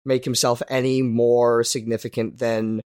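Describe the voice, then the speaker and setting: A man talking through his character at a tabletop game in a middle-pitched voice, thoughtful and a little hesitant. The recording is dry and close. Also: little pitch movement, unhurried, a little mellow, clear, resonant tone, no echo. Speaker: tabletop role-play player. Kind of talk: casual role-play table talk.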